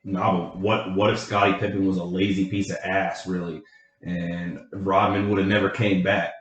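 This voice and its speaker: A young man co-hosting a podcast in casual chat, joking and swearing in an excitable way. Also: sits low, normal speed, highs cut off. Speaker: podcast co-host. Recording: roomy echo.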